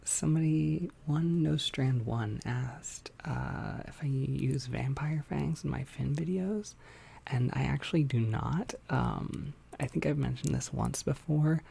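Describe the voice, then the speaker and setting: A young adult ASMR streamer chatting casually in a soft, hesitant whisper, with faint mouth clicks from a tongue piercing. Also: mid-range voice, unhurried, gravelly, breathy edge. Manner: soft-spoken, hesitant, informal. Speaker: ASMR content creator hosting a livestream.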